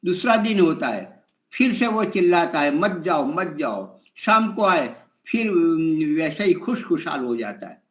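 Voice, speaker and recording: A man in his sixties giving a slow, reflective spiritual discourse, telling stories with pauses and fillers. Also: fairly high pitch, expressive, reverberant. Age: 60s. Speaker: spiritual teacher.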